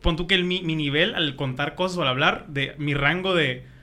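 A man's voice: fairly high pitch, normal speed, pushed and bright, a little hiss or hum. A young man with a Mexican Spanish accent in casual podcast chat, teasing and laughing easily. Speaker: co-host.

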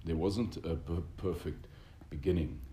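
Very deep, donnish, mellow male lecturer. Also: a little slow. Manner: donnish, formal, hesitant academic phrasing. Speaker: religious teacher lecturing a group. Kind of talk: reflective spiritual lecture, unscripted. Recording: roomy echo with background noise.

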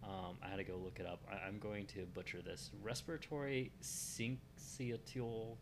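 A man with a very low voice talks casually and hesitantly, often reaching for words with ums and uhs. Noise can be heard clearly behind him. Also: level tone. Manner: hesitant, fills pauses with um and uh. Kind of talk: casual conversation. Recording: noticeable background noise.

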